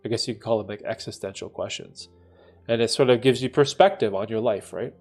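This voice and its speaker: Soft music plays behind a Canadian livestream host in his late thirties as he answers chat, his voice low, darkish and a little quick. He rambles thoughtfully, frequently tacking "right?" onto his sentences.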